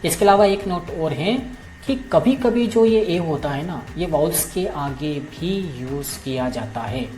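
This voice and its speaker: A man's voice: on the high side, expressive, measured pace, darkish tone, slight background noise. A man teaching an English grammar lesson, explaining patiently, repeating key points and checking in with his students often.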